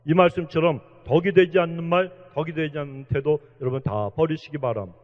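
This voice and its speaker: A man's voice: on the high side, fairly quick. A male senior pastor preaching a sermon, earnestly exhorting and often addressing the congregation directly. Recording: dull, reverberant church hall recording.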